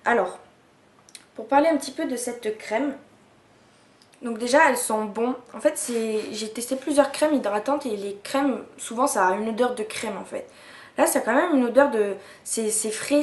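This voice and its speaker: Chatty young woman vlogger, roomy sound. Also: on the high side. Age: 20s. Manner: chatty, many fillers and restarts. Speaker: beauty vlogger. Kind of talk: casual product review.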